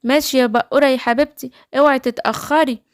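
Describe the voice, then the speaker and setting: Cartoon animal mom, woman acting her, Egyptian accent, high voice, quick, brisk scolding, children's story. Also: steady tone, clean tone, natural voice. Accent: Egyptian Arabic. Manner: brisk motherly calling and scolding. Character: caring scolding animal mothers.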